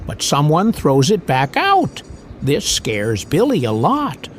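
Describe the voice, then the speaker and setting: A man's voice: sits high, a little hiss or hum. A man narrating a scripted movie recap, walking through the plot scene by scene in a plain storytelling manner.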